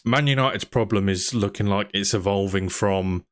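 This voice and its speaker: A man's voice: on the low side, moderate pace. A young man, hosting a casual football podcast, chatting and reading out viewer comments. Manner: chatty, reads out viewer comments and asks questions. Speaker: podcast host.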